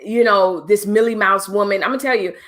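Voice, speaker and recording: Talking to her livestream viewers in a brisk, mid-range, slightly bright voice, this middle-aged host keeps things casual and direct, with occasional preachy asides.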